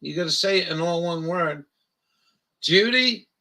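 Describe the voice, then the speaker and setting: Rambling livestream host, man with a Maine accent, crude and joking, slow drawl, bright gravelly voice. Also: fairly high pitch, lively intonation, low-quality recording. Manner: crude, joking, drawling, reads aloud mockingly. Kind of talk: rambling casual livestream chat.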